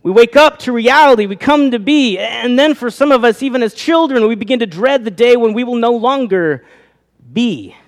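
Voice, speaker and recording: A man's voice: extremely high pitch, animated, normal speed. A pastor preaching a sermon, asking his listeners rhetorical questions, his voice rising and falling. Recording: long reverb of a hall.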